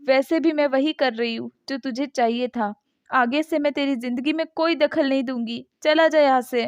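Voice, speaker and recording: A woman's voice: high-pitched, moderate pace, dry recording, natural voice. A woman voicing a proud older mother who is hurt by her son but loves her family. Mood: stern. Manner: stern, dignified. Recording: dull dry lo-fi sound.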